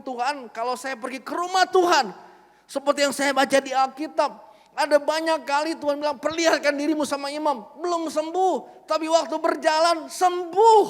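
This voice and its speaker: A pastor in his fifties preaching a sermon in a large church, telling personal stories in an animated way, acting out the people in them and swinging between loud outbursts and quiet asides. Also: very high voice. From Indonesia. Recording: long reverb of a large church hall.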